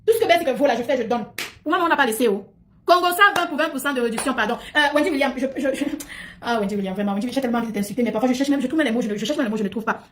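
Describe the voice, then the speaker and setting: Woman, very fast, higher voice, emphatic, repetitive livestream chatter. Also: fairly bright tone, slight background noise. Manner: talkative, emphatic, repeats phrases. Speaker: livestream host. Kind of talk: casual livestream chat.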